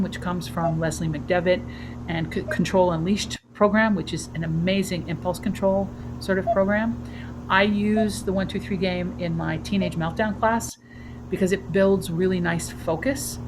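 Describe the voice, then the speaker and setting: A woman's voice: mid-range voice, steady tone, normal speed, noisy background. A woman, a dog trainer presenting a webinar in a chatty way, now and then putting on playful voices for dogs.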